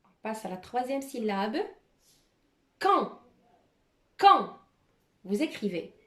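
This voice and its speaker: A woman's voice: a little high, normal speed, darkish tone. A woman teacher giving a dictation lesson to children, articulating each word carefully and repeating it twice. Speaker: primary school teacher. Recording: roomy echo.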